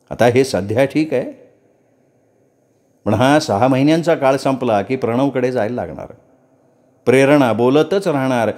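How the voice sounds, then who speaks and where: A man reading a story aloud in an expressive first-person narration. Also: medium pitch.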